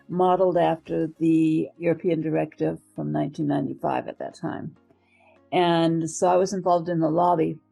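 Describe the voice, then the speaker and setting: An older American woman, a marketing professional and professor, answers interview questions about her career in an articulate, measured way, pausing now and then to find words. Her voice is low, creaky and warm, with a slight roughness.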